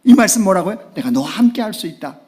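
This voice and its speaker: High-voiced Korean pastor preaching emphatically. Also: male voice, expressive, quick pace. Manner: emphatic preaching that swings from hushed to loud exclamations. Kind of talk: Sunday sermon. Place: church sanctuary.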